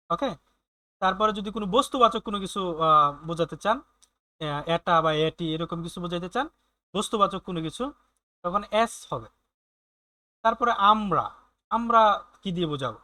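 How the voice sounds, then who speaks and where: A man teaching German in an online class, explaining slowly with many fillers and often checking in with his students. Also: sits high, sharp tone, dry recording.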